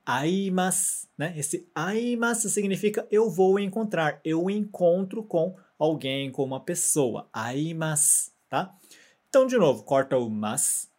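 A man teaching a grammar lesson, patient and methodical, saying example words slowly for repetition and ending sentences with quick check-in tags. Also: on the high side, expressive, darkish tone. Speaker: Japanese language teacher.

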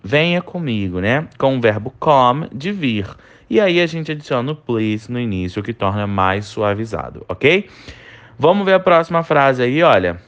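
Male English teacher, mid-pitched, explanatory, drawn-out emphatic example phrases. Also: a bit bright, lo-fi sound. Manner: frequent tag questions like né and tá. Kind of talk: recorded online lesson.

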